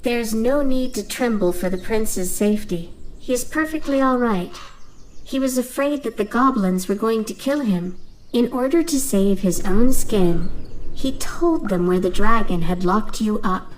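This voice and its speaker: A woman voicing a loyal talking dove who guides the player through a game tutorial in a clear, instructive tone. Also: fairly high pitch, measured pace, a little hiss or hum, lightly acted, rough recording.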